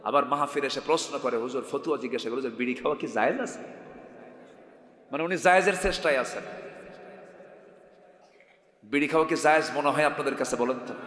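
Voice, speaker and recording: A male preacher giving a humorous, rhetorical sermon to a gathering and calling on the crowd to answer louder. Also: mid-range voice, fast, long pauses. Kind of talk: Islamic sermon to a live gathering. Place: religious gathering over a sound system. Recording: echoey hall with long reverb.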